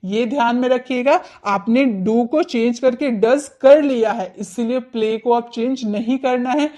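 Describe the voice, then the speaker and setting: A woman teaching English grammar, explaining step by step and slowly repeating example sentences. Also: a little high, warm tone.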